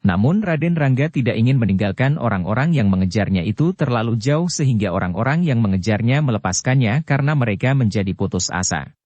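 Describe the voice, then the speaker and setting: A man reading a martial-arts novel aloud as a steady audiobook narrator who barely changes his voice for the characters. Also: medium pitch, brisk, no echo.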